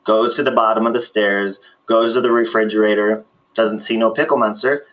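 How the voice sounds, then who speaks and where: A man's voice: fairly low pitch, a little fast. Man telling a crude comic story. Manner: crude, animated, sound effects. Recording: dull old video audio, faint noise.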